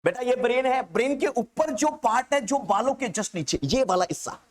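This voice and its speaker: A male teacher lecturing in a classroom. He says key terms slowly, again and again, so students can copy them down. Between terms he coaxes and checks on the class in a fond, fatherly way. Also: extremely high pitch. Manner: keeps checking that students have understood; calls students "child" in an affectionate, coaxing way. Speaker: nursing exam teacher.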